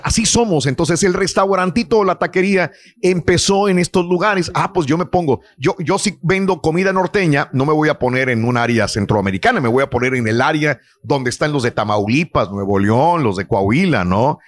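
A man from Mexico hosts a morning radio show, chatting loosely and wandering from point to point. His voice sits a little high, and he laughs easily between thoughts. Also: normal speed. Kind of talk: casual morning radio chat.

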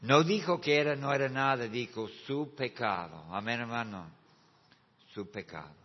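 A male pastor preaching a sermon, moving from quiet, slow asides to shouted, drawn-out climaxes. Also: mid-range voice, expressive. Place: church hall. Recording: muffled sound with long hall reverb.

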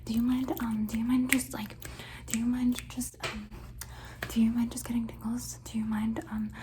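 A woman doing fast-paced whispered ASMR, repeating words and phrases insistently in a pleading way. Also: a little high, little pitch movement, noisy background. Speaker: ASMR performer.

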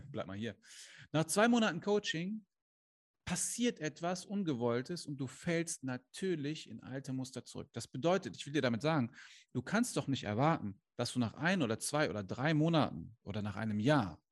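A man's voice: medium pitch, sing-song, moderate pace. A man speaking as a life coach straight to the camera, earnest and direct, asking rhetorical questions and dropping into emphatic bursts, with Islamic phrases woven in. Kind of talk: motivational coaching talk to camera. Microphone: camera he adjusts himself.

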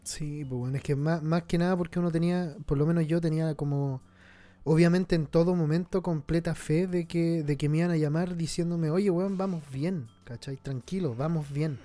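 In a fairly high, mellow voice with a steady tone, a Chilean man speaks fairly quickly as he recounts a sad personal story. It's somber, slang-heavy talk, and he swears a lot.

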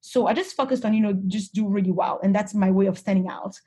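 A woman's voice: medium pitch, quick pace, mellow, husky. A woman from Cameroon, a guest in an interview, answering reflectively with frequent restarts and "you know" fillers.

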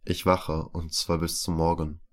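A man's voice: low-pitched, flat delivery, a little slow. A man voicing a guarded young female warrior who speaks formally and curtly. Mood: firm.

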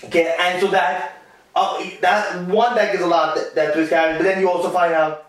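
Guy rambling about a musical, lots of "like", slightly high voice, sounds far off in a roomy echo. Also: flat delivery, fairly quick. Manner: rambling, many fillers and restarts. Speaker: co-host discussing a musical and its film. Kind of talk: casual chat. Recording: echoey room, distant from the mic.

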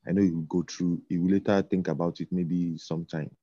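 Very deep-voiced man, halting talk. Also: steady tone, dark tone, dry recording. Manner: halting, repeats words, many fillers. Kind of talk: casual conversation. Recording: dull lo-fi sound.

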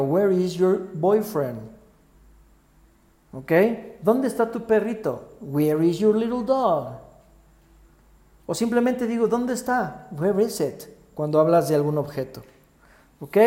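A man's voice: high voice, mellow, echoey room. A man hosting a podcast English lesson, patiently repeating words for listeners to say with him. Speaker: English teacher, podcast host.

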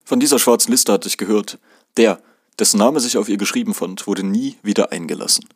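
A man from Germany reads his own first-person memoir in a calm, measured voice. His pitch sits on the low side. The recording is dry and close, with no room around it. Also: breathy edge, no room sound. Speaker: narrator.

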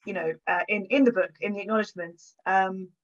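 A woman's voice: mid-range voice, steady tone, a little fast. A young woman with a southern English accent, a historian guesting on a podcast, telling stories in a chatty, informal, self-deprecating way. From Buckinghamshire, England. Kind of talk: casual conversational storytelling. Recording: dull, band-limited audio.

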